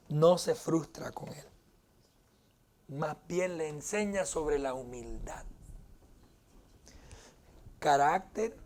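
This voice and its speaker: A male pastor preaches in a fairly high voice to his congregation. He keeps the sermon light and joking and slips easily into English phrases. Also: dark tone. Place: church before a congregation.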